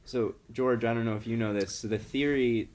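Young man co-hosting a podcast, relaxed casual chat, quick to laugh, mid-pitched voice. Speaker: podcast co-host.

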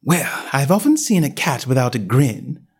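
A man voicing a polite, curious young girl, pitching his voice up into a prim questioning tone. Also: sing-song, normal speed, a little mellow, husky.

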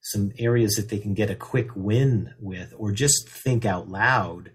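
A man as a guest expert on a radio talk show, explaining leadership in a measured way and slowing down to stress key terms. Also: on the low side, background noise.

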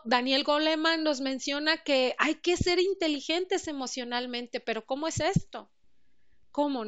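A woman's voice: high-pitched, a bit bright. A woman with a Mexican accent giving an earnest motivational talk, asking the listener direct questions. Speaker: speaker on emotional wellbeing.

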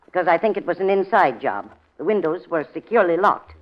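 A woman's voice: fairly low pitch, lively intonation, fairly quick, close to an everyday voice. A woman playing a guarded, insistent widow in an old radio mystery. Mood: confiding. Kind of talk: 1940s radio drama acting. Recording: dull vintage radio recording.

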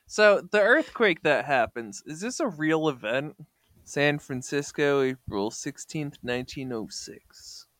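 A man's voice: on the high side, lively intonation, a little slow, a bit bright, dry recording. A man co-hosting a casual comic book club podcast, joking and enthusiastic about the panels. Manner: joking, enthusiastic, looks facts up mid-chat. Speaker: podcast co-host.

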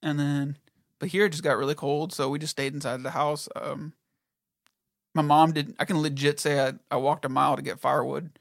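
A man's voice: fairly high pitch, steady tone, brisk, vocal fry, dry recording, clean studio sound. A man in casual chat, telling a long story with heavy swearing and quoted back-and-forth. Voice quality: profane, storytelling with quoted voices.

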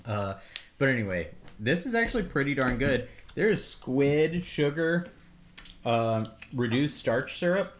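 A man's voice: medium pitch, sing-song, measured pace, slight background noise. A middle-aged man hosting a casual snack-tasting video with his kids, chatty and upbeat, laughing often and coaxing them along.

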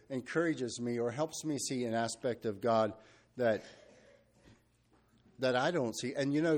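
A man preaching a sermon, talking freely with fillers and restarts, and reading scripture in a steady measured cadence. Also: mid-range voice. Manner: unscripted and searching, with restarts and fillers.

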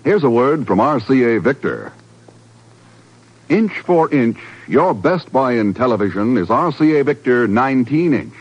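Reading scripted copy on a muffled 1950s radio broadcast, this American man sounds like a polished, emphatic announcer making a sales pitch. His voice is mid-range, very animated, slightly rough, and a little slow.

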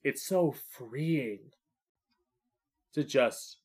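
A man's voice: mid-range voice, drawn-out words, darkish tone, breathy edge. A man who hosts a podcast as a drag queen, rambling solo in a campy, profane, self-mocking way. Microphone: podcast microphone, live streamed.

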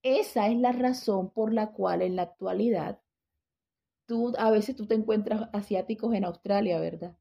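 A woman teaches scripture in a relaxed, conversational way, pausing to check that her listeners follow and often restarting her sentences. Her voice has a gravelly fry to it, and the recording sounds dull and lo-fi. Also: medium pitch. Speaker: Bible teacher.

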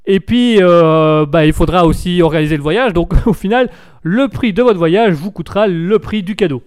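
A man's voice: sits high, normal speed, darkish tone, clean tone, no echo, clean studio sound. A tired male host of a live show, commenting jokingly on odd news stories, rambling and stumbling over his words before correcting himself.

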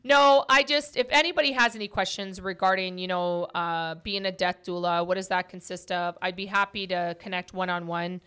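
Bright-voiced chatty woman podcast host. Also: lowish voice, fairly even intonation, normal speed, hardly any pauses, clean tone. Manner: chatty, warm-hearted, many fillers and restarts. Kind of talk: casual podcast chat.

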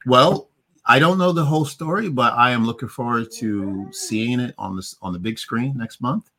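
A man's voice: mid-range voice, moderate pace, bright, forceful tone. A middle-aged man hosting a casual movie review, talking in a rambling way with many fillers and restarts. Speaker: podcast host.

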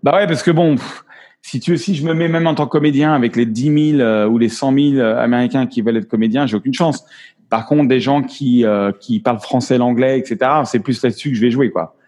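A man's voice: medium pitch, brisk, darkish tone. A man in his forties, a photographer and actor, chatting openly as an interview guest and often restarting his words. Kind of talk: casual interview chat.

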